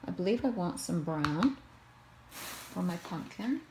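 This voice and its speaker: Painting her own face for a tutorial, a Canadian-accented woman talks casually and muses aloud, her fairly low voice taking its time with lively intonation. Background noise can be heard.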